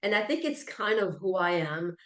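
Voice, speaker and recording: A native French speaker from France with a French accent answers interview questions as a guest, drawing on her work as a keynote speaker, coach and author. She's emphatic and self-assured, with a lowish, expressive voice at normal speed. The recording sounds roomy and echoey.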